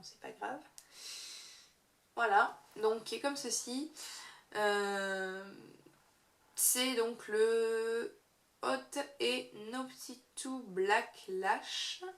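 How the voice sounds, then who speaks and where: Her medium-pitched voice carries some vocal fry as this young beauty vlogger chats about her favorite makeup in a casual monthly favorites review. She hesitates frequently with fillers, and the room is echoey.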